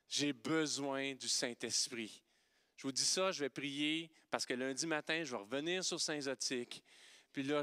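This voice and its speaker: A man with a Québécois accent preaching a playful, animated sermon, swinging between loud exclamations and hushed, gentle passages. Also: mid-range voice, clean tone, no room sound, studio quality. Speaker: pastor.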